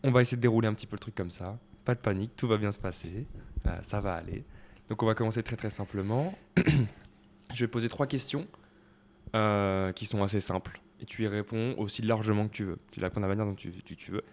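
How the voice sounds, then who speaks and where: A young man in his twenties hosting a casual talk show, relaxed and joking, with many fillers. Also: on the low side, a little fast. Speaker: podcast host. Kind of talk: casual conversation.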